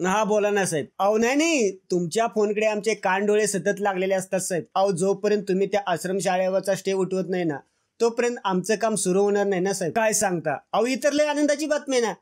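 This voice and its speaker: A man doing a scheming middle-aged man from a serial recap, high-pitched, wheedling and flattering on the phone, then bossy and curt at home. The voice is raised and lightly acted. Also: a little fast, close to an everyday voice.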